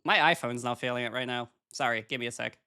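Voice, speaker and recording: A woman's voice: very deep voice, fast, pushed and bright, clear, resonant tone, no room sound, clean studio sound. A woman with a cute, cheery anime-streamer delivery, chatting casually with viewers on a livestream as a VTuber.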